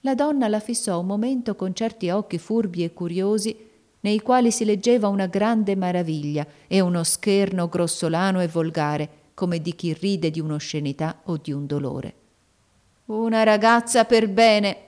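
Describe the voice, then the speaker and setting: A woman narrating a classic novel as an audiobook in a measured, steady manner. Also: lowish voice. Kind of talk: audiobook reading.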